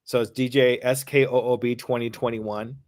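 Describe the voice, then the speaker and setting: A man's voice: medium pitch, level tone, normal speed, a little mellow. A man being interviewed on a podcast, talking in an easygoing, friendly, conversational way. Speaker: podcast guest.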